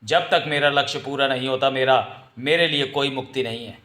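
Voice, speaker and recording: A man voicing a grim, merciless vigilante, speaking in low, slow threats. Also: pushed and bright, natural voice. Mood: solemn. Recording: roomy echo.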